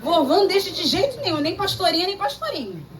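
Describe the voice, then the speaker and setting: A woman pastor with a Brazilian Portuguese accent, preaching a lively, emphatic sermon full of personal stories. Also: very high voice, fast talker, a crowd in the background. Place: church service. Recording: distant mic with faint room ambience.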